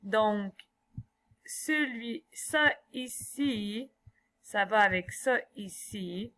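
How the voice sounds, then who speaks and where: A woman's voice: mid-range voice, drawn-out words, fairly bright tone. A woman, explaining an online exercise step by step as a teacher and thinking aloud as she goes. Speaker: French teacher. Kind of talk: tutorial walkthrough of an online exercise.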